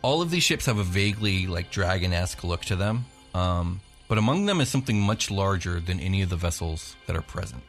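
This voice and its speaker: A man's voice: low voice, lively intonation, a little fast, hardly any pauses, soft background music. A man hosting as game master, narrating a tabletop fantasy game in an informal, descriptive storytelling style. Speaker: game master, show host.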